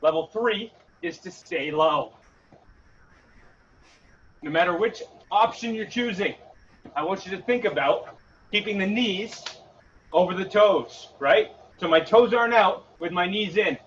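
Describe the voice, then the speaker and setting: High-voiced male coach calling combos, distant mic. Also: animated, unhurried, pauses often, fairly bright tone. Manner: coaching cues, calling out moves and punch combinations in short bursts. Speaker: fitness coach leading a home HIIT workout. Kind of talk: live exercise instruction with short cues and counts. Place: indoor garage-style gym. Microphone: camera several metres away. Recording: distant mic, muffled, noisy gym.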